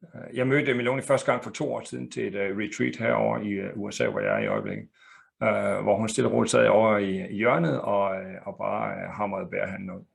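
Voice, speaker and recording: A man introducing a guest on a live webinar, speaking with many pauses and fillers. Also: on the low side, lively intonation, gravelly. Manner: hesitant, lots of fillers. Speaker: webinar host.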